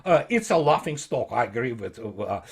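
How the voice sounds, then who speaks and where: Husky, sarcastic man. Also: mid-range voice, very animated, moderate pace. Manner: rambling, sarcastic, many fillers and restarts. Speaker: channel host. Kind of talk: casual commentary monologue.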